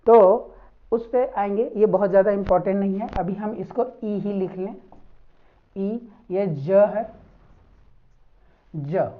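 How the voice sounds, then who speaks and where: A woman teaching English phonics in a slow, drawn-out teaching tone. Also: medium pitch. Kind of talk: phonics lesson. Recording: dull lo-fi recording.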